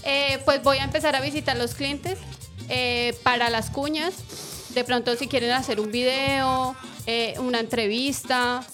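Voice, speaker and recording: A woman's voice: high-pitched, fairly even intonation, measured pace, fairly bright tone, faint music behind. Woman with a Cali-tinged Colombian accent. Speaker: new sales staff member. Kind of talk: radio guest chat.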